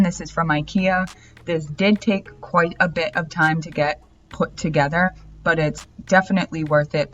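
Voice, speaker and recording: Low-voiced woman vlogger in an echoey room. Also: a bit bright, highs cut off. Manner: chatty. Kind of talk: casual home makeover vlog. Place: indoors in a home office. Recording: roomy echo, background music.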